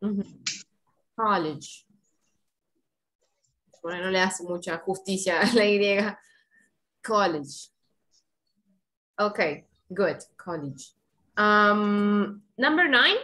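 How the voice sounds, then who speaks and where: Teaching English over the internet, this woman speaks with an Argentine Spanish accent in a medium-pitched, bright voice with a forceful tone. The recording quality is rough. She's patient, slow and encouraging, carefully modeling words as she coaches pronunciation.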